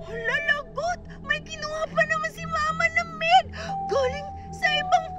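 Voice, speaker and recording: A squeaky, bratty little cartoon girl, as a woman acts her out, whiny and demanding. Her voice sits extremely high and a little far from the mic. Loud music plays behind. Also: fairly even intonation, moderate pace. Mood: excitable.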